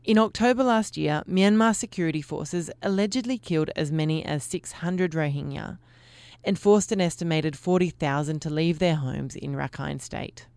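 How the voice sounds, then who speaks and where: A woman presenting a radio news program in a measured, formal way. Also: low-pitched, vocal fry, darkish tone, clear, resonant tone, no room sound.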